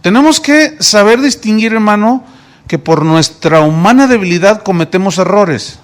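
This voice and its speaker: A man's voice: high-pitched, expressive, normal speed. A male pastor with a Mexican Spanish accent preaching a sermon, often asking the congregation questions.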